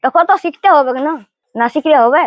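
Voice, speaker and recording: A woman's voice: high voice, fairly quick, dry recording, highs cut off, close to an everyday voice. An actress playing an old village woman with a Purulia Bengali accent, who lectures her daughter-in-law sternly. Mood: scolding. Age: older. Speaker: actor in a village drama.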